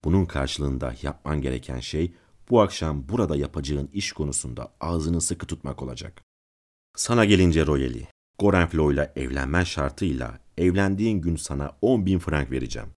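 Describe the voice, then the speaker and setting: A man's voice: extremely low pitch, normal speed. A man voicing a cold, controlling nobleman count in a storybook reading, giving stern commands.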